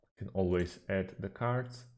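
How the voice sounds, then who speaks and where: Speaking calmly and with many fillers, a low-pitched man who grew up speaking Slovak hosts a screen-recorded software tutorial. His delivery is unhurried and hesitant, and his wording is a little non-native.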